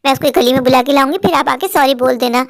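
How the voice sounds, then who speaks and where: Gentle cartoon mother, as a woman puts her on. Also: high-pitched, quick pace, vocal fry, no room sound, studio quality, voice pushed down. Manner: soft calm explaining.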